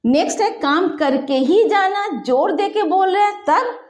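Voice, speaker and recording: A woman teaching a language lesson, patiently repeating and drilling words slowly, checking in with her viewers. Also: very high voice, lively intonation, darkish tone, echoey room. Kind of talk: Hindi-medium language lesson.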